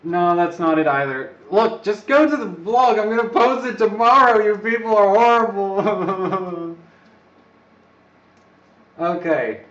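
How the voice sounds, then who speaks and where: This man speaks English as a second language and rambles through jokes for his live stream audience, sometimes addressing himself. He has a high, slightly bright voice and takes his time. Recorded at a distance in an echoey space, the sound is dull and lo-fi.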